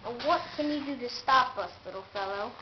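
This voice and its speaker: A woman reading aloud and voicing an excitable, hot-tempered cartoon duck who talks in an exasperated way. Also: on the high side, fairly quick, close to an everyday voice. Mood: taunting. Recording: roomy, dull, noisy home recording.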